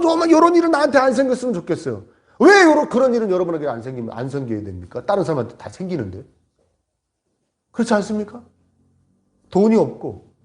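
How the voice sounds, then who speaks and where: Pastor, male, high and lively delivery, animated storyteller in a church sermon. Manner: animated storytelling, acts out voices. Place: church sanctuary.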